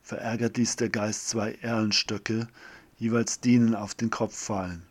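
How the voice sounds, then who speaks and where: A man's voice: fairly low pitch, level tone, measured pace. A man reading a homemade story aloud in a plain way, with slips and restarts.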